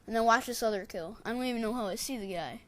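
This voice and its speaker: A woman casually narrating her gameplay in a rambling, digressive way, and getting excitable when she tells a story. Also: on the high side, fast. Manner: excitable, shouts catchphrases when retelling. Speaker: gameplay commentator.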